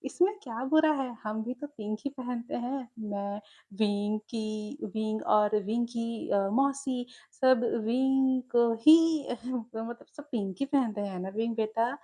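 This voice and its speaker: A woman's voice: on the high side, takes it slowly, mellow. A woman voicing a cheerful mother who talks in a bubbly, giggly way. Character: cheerful mother, laughing and playful.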